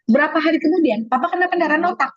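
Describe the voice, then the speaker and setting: A middle-aged woman giving a personal faith testimony as an interview guest, telling her story in an animated way and acting out the voices she quotes. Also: high-pitched, rapid-fire, dry recording. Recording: dull lo-fi sound.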